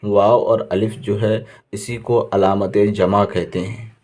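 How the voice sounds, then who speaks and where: Low-voiced man patiently teaching grammar. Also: flat delivery, darkish tone. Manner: patient, repeats each word with its meaning, asks and answers his own questions. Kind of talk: classroom lesson explanation.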